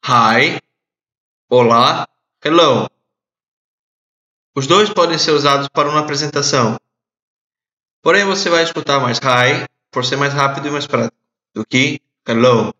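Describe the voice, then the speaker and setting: A man teaching English in a recorded audio lesson, repeating phrases slowly and clearly for learners to translate. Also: mid-range voice, bright, forceful tone. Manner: slow, deliberate drilling with repeated phrases. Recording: echoey, dull lo-fi audio.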